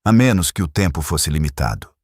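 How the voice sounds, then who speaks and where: A composed young woman, read by a man in his own low voice, asks her questions quietly. The voice is husky and deep, with a dry, close sound. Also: sing-song, brisk, no room sound, heavily acted. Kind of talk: audiobook character reading.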